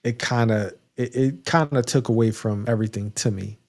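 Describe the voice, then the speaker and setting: A man with a mellow, warm voice co-hosts a casual podcast and walks through wrestling results in a loose, rambling way. He restarts sentences often and breaks into small laughs, sounding slightly hiccupy. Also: mid-range voice, normal speed. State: has the hiccups. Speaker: podcast co-host. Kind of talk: casual wrestling recap chat.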